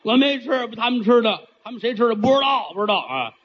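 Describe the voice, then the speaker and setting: A man's voice: very high-pitched, expressive, fast talker, slight background noise, pitched above the performer's own voice. A man voicing a dim-witted, gluttonous male demon who wails and pleads like a muddled child, in a storytelling performance. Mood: flustered. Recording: dull lo-fi recording.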